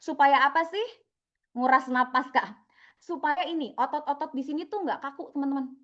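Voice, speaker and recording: A woman's voice: sits high, normal speed, fairly bright tone, lo-fi sound. A young woman coaching participants over a video call, upbeat and chatty, calling on people by name. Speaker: online trainer. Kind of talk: live video-call training session.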